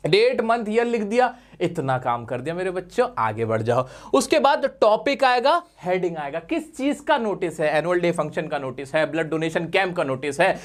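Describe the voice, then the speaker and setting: A man teaching an exam lesson in an animated, coaxing way, full of rhetorical questions and playful teasing. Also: high voice. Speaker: English teacher. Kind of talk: classroom-style exam lesson.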